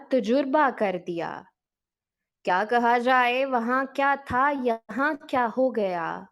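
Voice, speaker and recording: A woman reciting a rhymed Urdu poem in a rhythmic, declamatory way. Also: on the high side.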